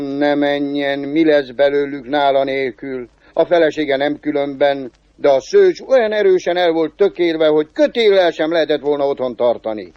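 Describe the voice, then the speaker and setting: Man telling an old folk tale, fairly high voice, dull dry recording. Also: dry recording. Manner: lively, shifting pace and pitch. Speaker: storyteller.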